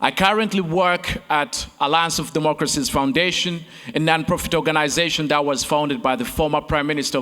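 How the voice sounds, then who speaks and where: A man's voice: on the high side, fairly bright tone. Man giving a keynote in a reverberant hall. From Uganda. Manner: repetitive oratory, addresses crowd as friends. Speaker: keynote speaker and competition host. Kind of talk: rhetorical keynote speech. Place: large conference hall stage. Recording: long reverb of a large hall.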